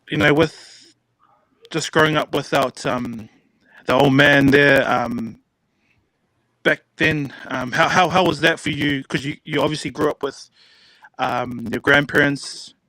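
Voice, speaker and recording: A man hosting a podcast in a relaxed, filler-heavy way, with a bright, slightly high voice. The sound is dry and close, with no room around it. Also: takes it slowly, long pauses, no room sound, rough recording. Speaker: podcast host.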